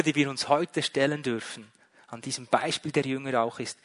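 A man's voice: a little high, a bit bright. A man preaching a sermon, emphatic and full of rhetorical questions.

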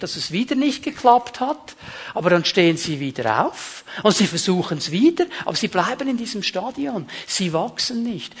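A middle-aged man preaching a sermon, emphatic, dropping low and quiet, then rising loud. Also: breathy edge. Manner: emphatic, swings between hushed and raised.

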